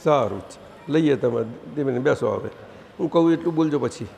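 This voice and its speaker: A man leading a satsang, gently directing the audience and asking them questions. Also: medium pitch, animated, a little fast, vocal fry, slight background noise. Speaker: spiritual teacher leading a satsang. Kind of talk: conversational religious gathering talk. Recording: long hall reverb.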